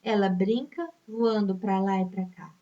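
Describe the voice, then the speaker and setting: A woman's voice: medium pitch, a little slow, warm tone. A woman teacher with a Brazilian accent patiently reading test questions aloud to young pupils, stretching out each answer option. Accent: Brazilian Portuguese. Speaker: primary school teacher. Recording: dull, distant lo-fi recording.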